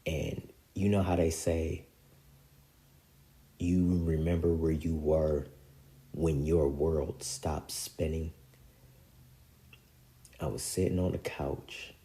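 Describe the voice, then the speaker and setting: A man's voice: extremely low pitch, level tone, slow pace, long pauses, mellow. A man telling a painful personal story in casual slang, his voice sinking to near-whispers at the hardest moments. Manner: emotional, drops to near-whispers in heavy moments; casual street slang, repeats filler phrases.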